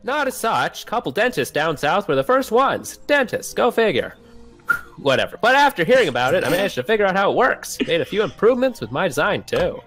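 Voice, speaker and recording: A man's voice: high voice, sing-song, a little fast, a bit bright, faint music behind, pitched above the performer's own voice, heavily acted. A man voicing a chirpy, folksy carnival clown vendor in a video game, boasting and selling with showman patter. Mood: folksy bragging. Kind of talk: improvised character voice for a video game read-along.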